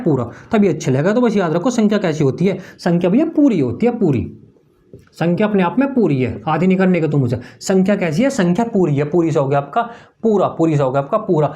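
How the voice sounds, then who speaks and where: A man's voice: high-pitched, darkish tone. A man of teaching exam memory tricks, repeating each answer as a question-and-answer drill while writing on a board. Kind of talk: mnemonic tricks lesson.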